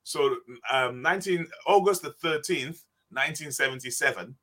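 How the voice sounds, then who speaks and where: A man's voice: on the high side, moderate pace, pushed and bright. A man in his sixties, guest on an interview podcast, telling stories and often laughing as he talks. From England. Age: 60s. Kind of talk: casual interview.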